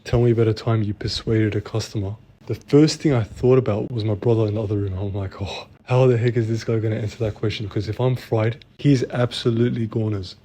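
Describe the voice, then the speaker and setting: A young man chatting casually as co-host, telling stories in slangy, animated talk. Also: fairly low pitch, brisk, hardly any pauses. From Australia. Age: young adult. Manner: slangy, animated storytelling with lots of "bro" and "like". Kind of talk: casual chat.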